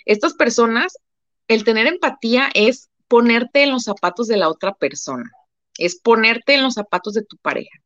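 A woman's voice: on the high side, animated, moderate pace, fairly bright tone, no room sound. Woman, Mexican Spanish accent, casual live co-host, emphatic repetitions, dull dry recording. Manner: emphatic, repeats phrases for effect. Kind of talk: casual live-stream chat.

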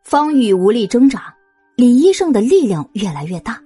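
A woman with a husky voice narrating a suspense audio drama in an expressive storytelling manner. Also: fairly high pitch, moderate pace, faint music behind.

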